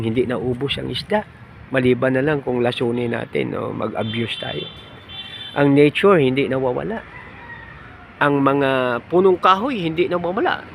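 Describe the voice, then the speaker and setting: Guy preaching outside, gravelly voice, chatty, keeps going "no?" and mixing in english, faint noise around. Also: mid-range voice. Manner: conversational, often asking "no?" and calling listeners "friends"; mixes in English phrases. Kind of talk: devotional sermon. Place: outdoors among trees and a wall.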